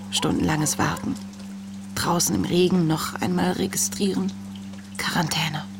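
In a radio play, the lead actress plays a compassionate young camp inmate reading out her letters, an intimate literary narration. Her lowish, creaky voice is measured, reflective and sometimes hushed, with a noisy background behind it.

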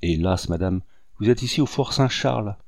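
Guy reading as sweet young wife, soft and coaxing, low dark voice, dry sound. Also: expressive, normal speed, vocal fry, dry recording. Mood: tender. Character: gentle young married woman, kindly host.

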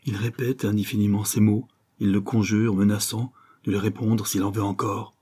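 A man's voice: on the low side, level tone, moderate pace, warm tone, slightly rough. A man reading a novel aloud as an audiobook narrator, in an intense, dramatic delivery.

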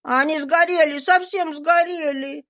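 A woman's voice: high-pitched, steady tone, a little slow, a bit bright, pitched above the performer's own voice. A woman voicing a sly young servant girl who whines and pleads. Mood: wailing. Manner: whiny, pleading.

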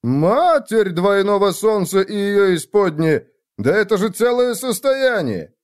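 A man doing Rut, a loud drunken braggart. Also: high-pitched, very animated, measured pace, pitched above the performer's own voice. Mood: drunk exuberant. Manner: loud, slurring, boisterous. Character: rowdy drunken male friend, boastful. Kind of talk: audiobook character voice.

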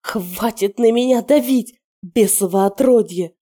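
A woman reader performs a spiteful female werewolf, voiced higher than the narration. Her delivery is sneering and taunting, with shrill edges, over a warm, mellow tone. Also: expressive, normal speed. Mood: shrieking angry. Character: scheming middle-aged female werewolf, spiteful and mocking.

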